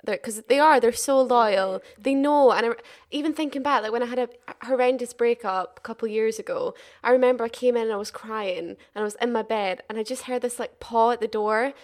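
A woman's voice: a little high, brisk, hardly any pauses. A young woman hosting a podcast, talking casually and reflectively, often agreeing with her guest. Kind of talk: casual chat.

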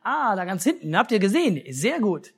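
Lively German storyteller man. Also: high-pitched, a little fast, breathy edge. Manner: lively storytelling, asks children questions. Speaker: pastor. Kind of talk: children's story in a church service.

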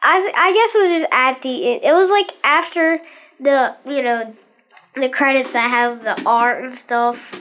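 High-voiced, unhurried woman co-host. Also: a bit bright, a little hiss or hum. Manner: halting, full of fillers and restarts. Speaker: podcast co-host. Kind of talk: casual movie-review chat.

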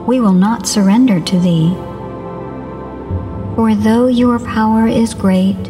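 A woman voicing a brave, calm young female bear who answers a villain in soft but clear, steady verse. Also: mid-range voice, natural voice.

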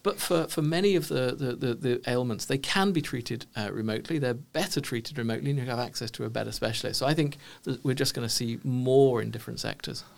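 A middle-aged man answering interview questions as a consultant guest, talking in an animated, emphatic way and often restarting his phrases. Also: mid-range voice, fast talker, creaky, few pauses, a little hiss or hum.

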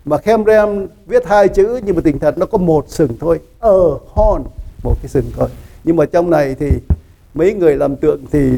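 A man preaching a sermon in a church, his voice high and gravelly with a dark tone. He teaches in an animated way, quizzing his listeners and laughing at his own jokes. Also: a little hiss or hum, low-quality recording. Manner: animated teaching, asks the congregation questions; laughs often, joking asides. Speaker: pastor.

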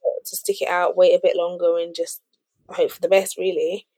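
A woman with a fairly low voice, co-hosting a podcast. She gives casual advice in a measured, earnest way, recorded dry with little room sound. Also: level tone, dark tone, no echo. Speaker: podcast co-host. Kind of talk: casual advice-giving chat.

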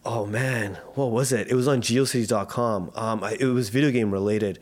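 A man's voice: fairly low pitch, moderate pace. A man in his thirties from Canada, a podcast guest talking casually, with frequent laughs, fillers and restarts. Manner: relaxed, laughs often, many fillers and restarts. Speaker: guest, digital media co-founder.

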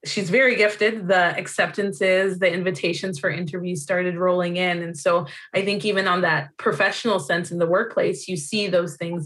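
A woman's voice: lowish voice, fairly bright tone, poor audio. A woman from Zimbabwe raised in North America, a native Shona speaker, interviewing in a thoughtful, conversational way. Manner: thoughtful, uses "you know" often.

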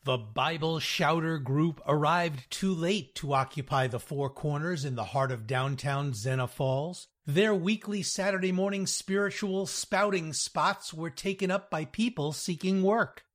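A man narrating a humorous short story in a lively, expressive way. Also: a little high, measured pace, few pauses.

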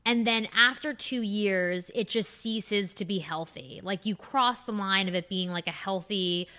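Young woman, bright tone, frank casual podcast chat, lots of likes and laughs. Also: medium pitch, unhurried. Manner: candid, frank, laughs often, many fillers. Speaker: podcast co-host.

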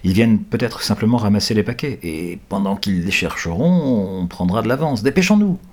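A man voicing an excitable, cheerful boy in a children's storybook, with quick, eager exclamations. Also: fairly low pitch.

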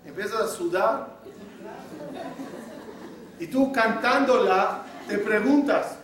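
A man, a rabbi, telling a story in a sermon, acting out the dialogue with lively energy. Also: high voice, slow pace. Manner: animated storytelling, acts out dialogue. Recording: echoey room from a distant mic, faint noise.

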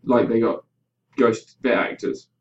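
A man's voice: medium pitch, steady tone, unhurried. A man co-hosting a podcast, chatting casually and ranting with opinions, swearing freely. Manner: ranting, sweary, mimics others in mock quotes. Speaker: podcast host. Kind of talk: casual opinionated film chat. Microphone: webcam about five feet away. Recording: dull webcam mic from distance.

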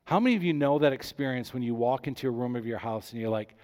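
Animated male pastor in a reverberant hall. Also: medium pitch, fast talker. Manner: animated, swings from soft to loud. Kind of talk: sermon.

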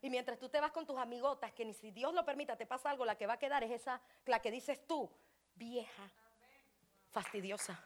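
A woman preaching a fervent sermon at a church service. She swings from shouting to hushed pleading and breaks into speaking in tongues. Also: a little high, brisk. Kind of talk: Pentecostal sermon.

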